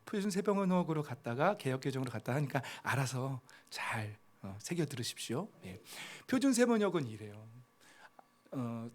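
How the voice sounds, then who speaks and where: A middle-aged male pastor preaching a sermon, moving between soft conversational asides and loud, rising exhortation, with frequent fillers. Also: mid-range voice. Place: church worship hall.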